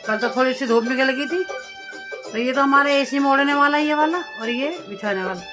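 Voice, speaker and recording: A woman's voice: sits high, fairly quick, music in the background. A middle-aged woman chatting casually to her viewers in a home vlog. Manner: chatty, talks straight to viewers. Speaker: vlogger. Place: home indoors.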